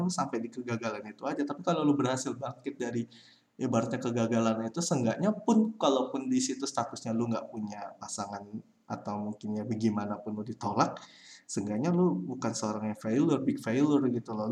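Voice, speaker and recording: A man's voice: mid-range voice, a little mellow. Young man giving casual podcast advice. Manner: casual slangy advice, rambling with fillers. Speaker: podcast host. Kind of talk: casual solo podcast monologue. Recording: roomy echo.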